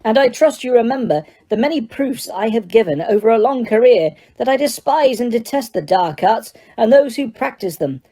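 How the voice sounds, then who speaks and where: A high-ranking male wizard from a fantasy storybook, acted by a woman narrator. He is cold, proud and indignant. His words come formal and clipped, in a raised, barking voice. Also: animated, fast talker, few pauses, warm tone.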